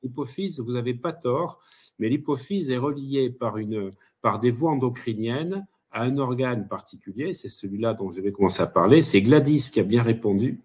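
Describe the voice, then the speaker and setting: Husky-voiced French man, chatty expert. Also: mid-range voice, animated, moderate pace, a little mellow. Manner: chatty and emphatic, with frequent fillers. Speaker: guest expert, hypnotherapist and pharmacist. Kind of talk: casual webinar talk.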